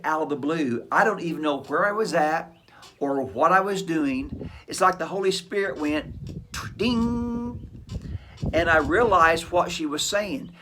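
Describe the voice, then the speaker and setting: Middle-aged male host with a somewhat raised pitch, earnest and plainspoken, for a conversational devotional segment. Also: bright, forceful tone, slight background noise. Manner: earnest, plainspoken, tells personal stories.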